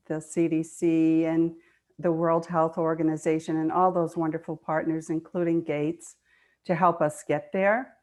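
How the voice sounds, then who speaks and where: Her voice sits low and a little mellow as this older woman, a guest speaker and nonprofit foundation trustee, talks in an online meeting. She explains earnestly and conversationally, often repeating words to stress them.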